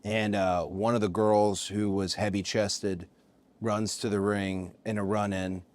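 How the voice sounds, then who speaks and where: A man hosting a casual interview chat, earnest and halting. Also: lowish voice, flat delivery, a little mellow. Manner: earnest, stumbling restarts, gets emotional. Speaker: host.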